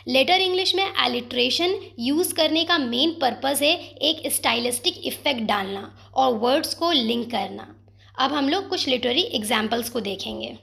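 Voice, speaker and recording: High gravelly-voiced woman teaching literature. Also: a bit bright. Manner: reads poem lines slowly and deliberately. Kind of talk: explanatory lesson mixing Hindi and English.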